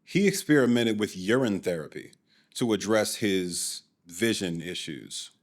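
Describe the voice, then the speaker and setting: Fairly low-pitched and animated, this man narrates a documentary at a measured pace as its host. The narration is scripted and dotted with sardonic, dry asides.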